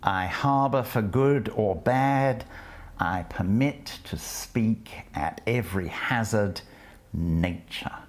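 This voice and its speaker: Speaking on the low side, this man, a lecturer and reader of poetry, first introduces a poem and then recites it. He takes a slow, careful approach, lets the ends of his phrases drop, and sometimes sinks into a gentle whisper.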